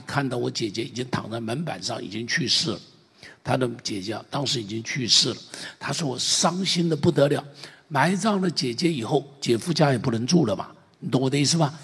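A man preaching a sermon, retelling a story with many repeats and swings from loud to hushed, in a very husky, gravelly voice. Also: medium pitch. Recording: long hall reverb.

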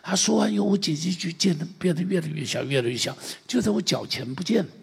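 A man preaching a sermon, retelling a story with many repeats and swings from loud to hushed, in a very husky, gravelly voice. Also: high-pitched, expressive, quick pace. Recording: long hall reverb.

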